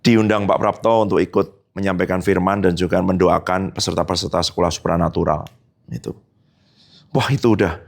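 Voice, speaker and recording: A middle-aged male pastor giving a conversational sermon, telling stories and acting out the dialogue in them. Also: gravelly. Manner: storytelling, acts out quoted dialogue with big pitch swings.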